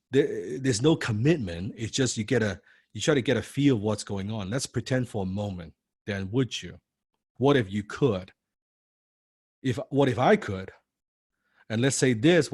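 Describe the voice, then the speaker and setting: A man teaching a sales training class, lively and full of rhetorical questions, acting out what prospects say. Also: mid-range voice, husky, no room sound, clean studio sound. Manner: animated, acts out prospect replies, rhetorical questions. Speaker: sales coach.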